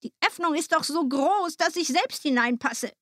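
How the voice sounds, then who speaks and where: A woman voicing a cruel, greedy old witch in a storybook reading, with a high shrill scolding voice. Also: lively intonation, moderate pace, a bit bright, no echo, studio quality. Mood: bossy.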